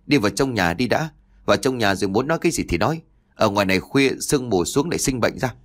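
A man voicing a frightened elderly husband in a village ghost story, at times shouting in panic. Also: fairly low pitch, expressive, quick pace, natural voice. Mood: worried, scolding.

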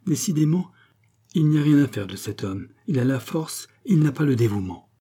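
Haughty queen, read by a man, imperious and reproachful, raised dark husky voice. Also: mid-range voice, animated, normal speed, pitched above the performer's own voice. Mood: indignant. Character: proud haughty queen, woman, stern.

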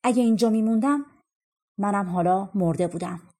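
An earnest, homesick young man from a folk tale, as a woman reads him, eager and afraid of death. The voice sits a little above her narration and stays mellow and breathy. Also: mid-range voice, lightly acted.

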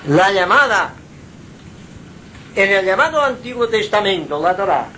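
Slow-speaking man preaching at home. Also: high voice, very animated, pushed and bright, a little hiss or hum, poor audio. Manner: slow, deliberate preaching with rhetorical questions. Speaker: spiritual teacher hosting gatherings. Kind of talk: informal spiritual talk. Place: his home. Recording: live home gathering.

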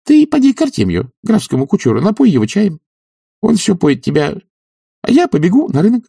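Man reading as a shrewd woman cook in an audiobook, high and chattering, husky edge. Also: wildly swooping pitch, brisk, warm tone, no room sound, studio quality, heavily acted. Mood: brisk.

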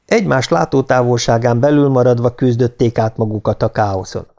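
A man narrating an audiobook in an even, measured storytelling manner. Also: mid-range voice, muffled recording.

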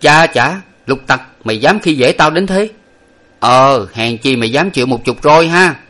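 A man's voice: medium pitch, a little fast, fairly bright tone, pitched above the performer's own voice, lightly acted. A man voicing a stern young male master who scolds his servant.

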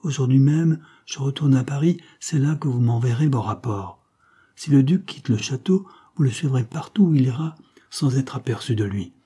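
A man's voice: medium pitch, warm tone, breathy edge, pitched above the performer's own voice. A man reading the lines of a commanding, impatient woman in a storybook reading, his voice raised a little.

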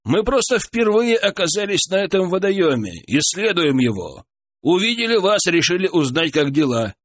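Brief: man reading a polite, curious traveller, husky and animated. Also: high voice, normal speed, voice pushed up. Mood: calm. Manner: calm, polite, explaining.

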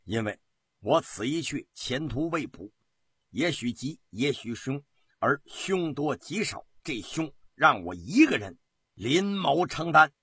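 A man's voice: on the high side, big pitch swings, a little slow, fairly bright tone, husky, dry recording, clean studio sound, full character voice. A man voicing a stern, upright Qing imperial commissioner in a traditional storytelling performance, speaking solemnly and resolutely. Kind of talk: traditional storyteller acting out a character.

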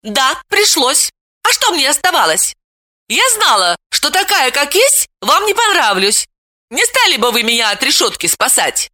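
A woman reading an audiobook, voicing a defiant, provocative young woman who talks loudly and cheekily. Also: high-pitched, very animated, normal speed, no echo, clean studio sound, pitched above the performer's own voice, full character voice. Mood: defiant, brash. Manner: loud, exclamatory, cheeky. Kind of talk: audiobook character voice.

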